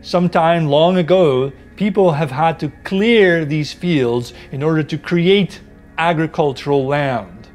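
A Dutch man in his fifties, a native Dutch speaker, hosts a video essay from a forest, talking earnestly to camera in a solemn, impassioned way. His voice sits a little high, with a darkish tone and a measured pace. Soft music plays in the background.

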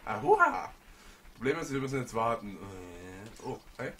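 A man giving jokey, animated commentary while playing a game. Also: mid-range voice, normal speed, a little hiss or hum. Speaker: let's play gamer. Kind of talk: casual gameplay commentary.

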